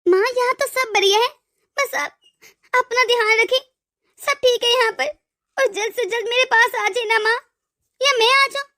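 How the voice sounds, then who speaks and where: This very high, sharp-toned female voice moves at a moderate pace with long pauses. She's doing cartoon voice acting as an emotional young wife and devoted daughter, frequently tripping over her words.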